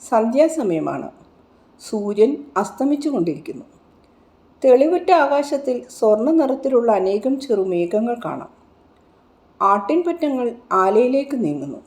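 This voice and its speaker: A woman narrating a mystic's religious visions in a gentle, measured, reverent reading style. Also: a little high. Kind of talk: slow devotional reading.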